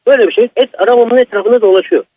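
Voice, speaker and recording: A man's voice: very high-pitched, racing, no echo, muffled recording. A man calling in to tell a personal horror story, in an agitated, emphatic manner. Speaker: caller.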